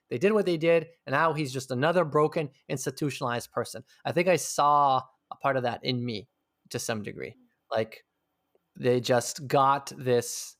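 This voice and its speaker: In a clean studio recording with no room sound, a man guesting on an interview speaks in a mid-range, slightly bright voice. His talk is reflective and conversational, thoughtful and searching, with a casual swear now and then.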